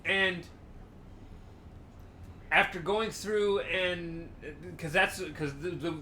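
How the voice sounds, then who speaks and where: A man co-hosting a podcast in casual chat, telling stories with animated acted-out quotes. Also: high-pitched, very slow, slight background noise. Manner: animated storytelling, acts out quotes. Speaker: podcast co-host.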